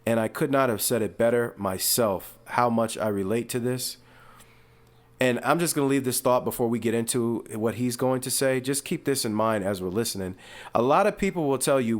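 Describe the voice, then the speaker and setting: A man hosting casual sports commentary, rambling and animated with frequent asides and restarts. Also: lowish voice. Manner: uses fillers and restarts, talks casually.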